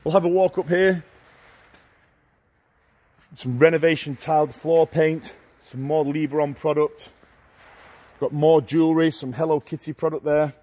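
A middle-aged man walking through a large warehouse, listing auction lots in short, brisk phrases as he goes. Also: fairly high pitch, fairly even intonation, warm tone. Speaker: auctioneer giving a viewing tour. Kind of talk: walking tour commentary. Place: large indoor warehouse with shelving.

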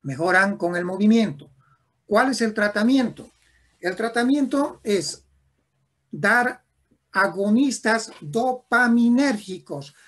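A man lecturing on neurology to a class, who talks slowly, repeats himself and often checks "¿ya?". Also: high-pitched, expressive, a bit bright. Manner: slow, repetitive, with frequent restarts and checks of "¿ya?".

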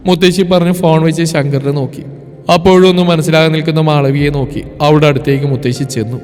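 A male storyteller giving scripted narration in an even, measured reading. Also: a little high. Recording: reverberant with background music.

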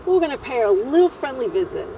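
A woman's voice: high-pitched, sing-song, quick pace, roomy sound, muffled recording, background noise. A woman playing a hard, menacing, foul-mouthed boss of a debt collection crew in a crime drama. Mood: cocky menace.

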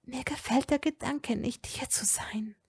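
Fierce, resolute young witch, high-pitched and urgent, played by a woman. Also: a little slow, a little mellow, slightly rough, in a whisper, heavily acted. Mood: worried.

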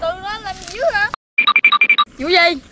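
A woman's voice: very high-pitched, a little slow, music in the background. A woman bickering in a comic sketch, answering back in a whiny, defensive way.

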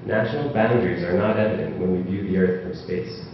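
A man in the audience at a panel event speaks from the floor with a low, brisk voice. He hesitates with lots of ums, then grows louder and rises in pitch when reading quotes aloud. The sound is dull and echoey, picked up from far off in a large auditorium, with slight background noise.

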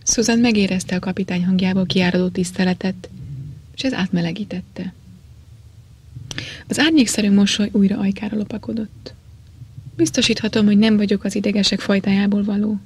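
A woman narrating a novel as an audiobook in a measured, steady way. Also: mid-range voice, a little hiss or hum.

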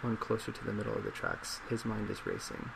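The recording carries a steady, loud hiss from a laptop fan. Over it, a low-voiced, very creaky young man in his 20s, cast as a psychologist, gently reads responses and reflects in a soft-spoken ASMR role play, fairly quick in pace, from a desk in a small indoor office.

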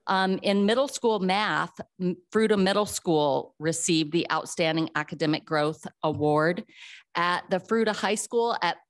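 A woman's voice: lowish voice, measured pace. A middle-aged woman, a school district foundation director, giving earnest remarks at a council chamber podium with frequent fillers. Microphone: podium microphone.

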